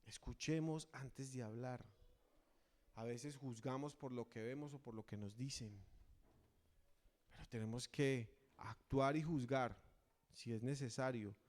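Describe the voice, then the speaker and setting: Preacher in a reverberant church. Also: male voice, medium pitch, unhurried. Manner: earnest, rhetorical questions, acts out voices of a crowd. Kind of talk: sermon.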